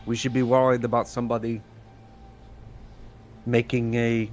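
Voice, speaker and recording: A man playing a tabletop game, speaking in a slow, measured way. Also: mid-range voice, flat delivery, soft background music. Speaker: player. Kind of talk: casual tabletop play.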